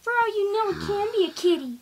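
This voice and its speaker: A woman's voice: very high voice, animated, fast. A woman acting out an improvised plush-toy skit with a childlike, insistent, teasing delivery. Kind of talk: playful improvised puppet skit with plush toys. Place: small carpeted room at home. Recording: noisy home camera recording.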